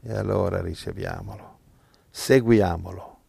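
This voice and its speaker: Gravelly preacher with fiery swings. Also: male voice, big pitch swings, a little slow, dry recording. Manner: impassioned, swinging from low murmurs to loud exclamations. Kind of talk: evangelical sermon.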